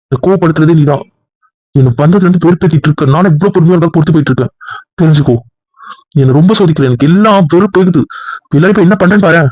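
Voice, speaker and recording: Stubborn husband in a comedy skit, quick and raised; dry lo-fi sound. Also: male voice, on the high side, dry recording. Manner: insistent, stubborn, often raising his voice. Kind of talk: comic couple skit. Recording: dull lo-fi audio.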